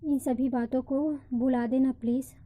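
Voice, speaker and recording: A woman's voice: sits high, little pitch movement, normal speed, warm tone, close to an everyday voice, low-quality recording. A woman voicing a kind young sister-in-law who speaks apologetically.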